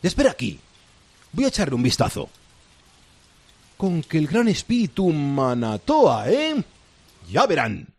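Husky, menacing pirate captain acted by a man. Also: on the high side, wildly swooping pitch, a little slow, long pauses, darkish tone, exaggerated voice. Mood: suspicious, irritated. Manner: theatrical, drawling threats. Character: menacing, mock-courteous pirate captain villain. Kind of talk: amateur radio re-enactment of a film scene.

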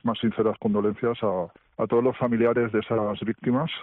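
Anonymous male train driver, voice disguised by deep pitch shifting, heard over a dry, phone-like line, halting and careful. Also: little pitch movement, no echo. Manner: halting, careful, often tags questions onto his points. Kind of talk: remote radio interview.

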